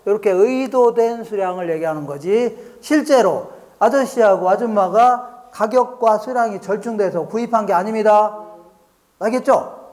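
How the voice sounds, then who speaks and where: A man's voice: high voice, a little mellow. A man giving an exam prep lecture, often asking his students questions and acting out small market scenes. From Korea. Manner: keeps asking the class questions; acts out market scenes in a dialogue.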